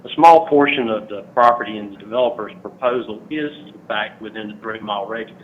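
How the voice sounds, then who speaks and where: Man, over the phone, resident giving public comment, measured, muffled narrow sound. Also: on the low side. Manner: earnest, measured, with frequent "uh" fillers. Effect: heard over a phone line. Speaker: resident speaking at a public hearing. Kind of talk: public comment read from prepared notes. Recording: tinny phone line with faint noise.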